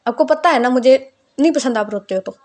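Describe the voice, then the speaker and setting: A woman's voice: high-pitched, fairly quick, darkish tone, natural voice. A woman voicing a young daughter who coaxes and comforts her mother affectionately. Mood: tender. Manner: coaxing, affectionate.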